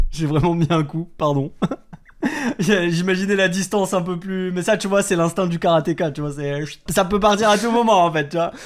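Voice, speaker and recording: A male co-host trades playful, absurd jokes while reacting to videos. His voice sits a little above the usual male range, and he talks in a relaxed, chatty way. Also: high voice, normal speed. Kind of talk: casual reaction chat.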